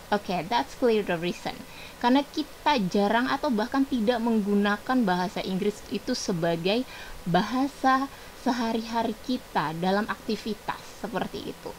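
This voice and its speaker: A woman's voice: a little high, a little hiss or hum, low-quality recording. A woman with an Indonesian accent giving an online English lesson, explaining patiently and repeating herself. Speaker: English teacher.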